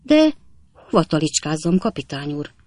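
A woman's voice: deep voice, animated, darkish tone, dry recording. A woman reading aloud and voicing a timid, deferential male gardener who apologizes to his master. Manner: meek, apologetic, very polite.

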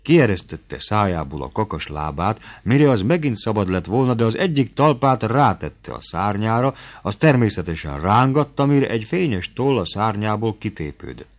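A man narrating a classic novel as an audiobook, with expressive, dramatic storytelling. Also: fairly low pitch. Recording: muffled lo-fi recording.

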